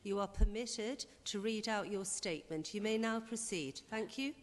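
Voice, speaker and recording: A woman's voice: mid-range voice, normal speed. A woman chairing a formal council meeting, speaking in a firm, stern and insistent way. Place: council chamber. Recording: reverberant chamber sound.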